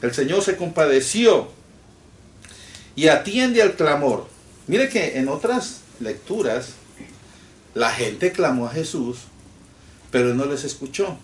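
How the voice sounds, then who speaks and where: Male preacher, animated sermon delivery, recorded from a distance in a reverberant church. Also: on the high side, slow, long pauses. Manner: animated preaching, addresses listeners as brothers. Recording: echoey room from far off with faint noise.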